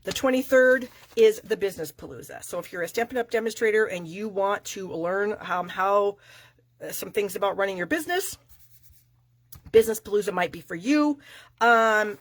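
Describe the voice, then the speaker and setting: A woman's voice: medium pitch, moderate pace. A middle-aged woman with a nasal, stuffy voice from a cold chats with viewers in a casual, rambling way as the host of her own craft video. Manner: chatty and rambling, with many fillers. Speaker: stamping demonstrator hosting a live craft video.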